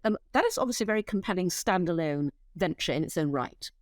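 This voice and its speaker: A middle-aged woman speaking as an interview guest, emphatic and blunt, swearing freely and restarting her sentences as she pitches ideas. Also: expressive, fast, dry recording. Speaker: interview guest, company founder. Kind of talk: animated interview talk.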